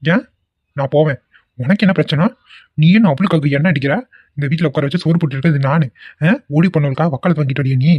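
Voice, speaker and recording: A bullying middle-aged son, played by a man in a cartoon, harsh and threatening. His husky voice rushes along. The sound is dull and dry. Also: on the high side, no room sound, close to an everyday voice. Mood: angry. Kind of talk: cartoon voice acting.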